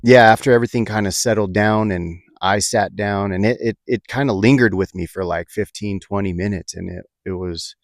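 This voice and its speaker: Low-voiced man telling a personal story. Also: no room sound, studio quality. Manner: reflective, halting, many fillers and restarts.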